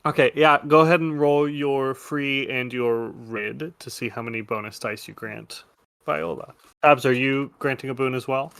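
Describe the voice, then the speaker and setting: Medium in pitch, a bit bright and smooth with some vocal fry, this man's voice moves at normal speed in a dry recording. He's the game master, improvising narration and casually explaining rules in asides, while music runs under the voice.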